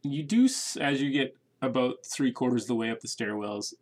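A man narrating as game master in a casual, halting way, with restarts. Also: mid-range voice.

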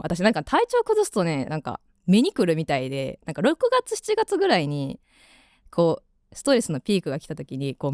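A woman's voice: deep voice, darkish tone, no room sound. Kansai girl in her 20s rambling on a radio show, lots of fillers, dry close mic. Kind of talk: casual radio chat.

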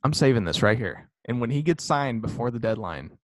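Lively teasing young man host. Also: medium pitch, fairly quick, dry recording. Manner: teasing, animated. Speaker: podcast host. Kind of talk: casual sports podcast chat.

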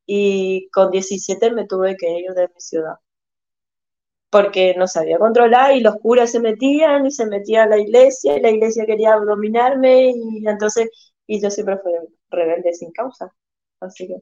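A woman chatting on a podcast as a guest, speaking haltingly with many restarts. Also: mid-range voice, dark tone, lo-fi sound. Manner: halting, restarts often, thoughtful. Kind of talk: casual chat.

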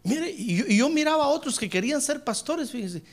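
A man preaching a sermon as pastor at a church service, lively and joking, often calling listeners brother. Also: very high-pitched, fairly quick.

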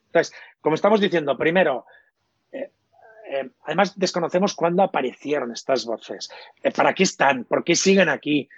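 A man's voice: a little high, normal speed, breathy edge, dry recording. A man, a coach who explains his methods thoughtfully in an interview and often hesitates mid-sentence. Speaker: coach and trainer. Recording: dull, lo-fi, dry.

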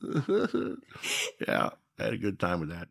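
An older man from Minnesota, a guest telling a story in a casual, animated way, laughing as he goes. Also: sits low, measured pace, gravelly, slight background noise.

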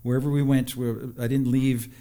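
A middle-aged man, telling personal stories casually in a reflective, halting way. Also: medium pitch, little pitch movement, dark tone, smooth. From a North American reservation. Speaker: interview guest, psychologist and musician.

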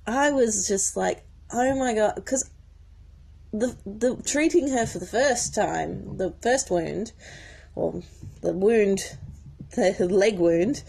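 A woman's voice: medium pitch, gravelly, warm tone, slightly rough. A woman telling a personal story in a rambling, emotional way, with many restarts. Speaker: horse owner. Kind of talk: casual storytelling.

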